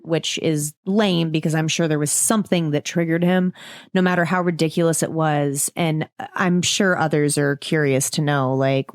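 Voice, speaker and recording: A woman co-hosting a podcast, reading a true-crime story from a script and breaking off into casual, jokey asides. Her voice sits on the low side, and the close mic gives a dry sound with no room. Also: darkish tone, dry recording. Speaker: podcast co-host.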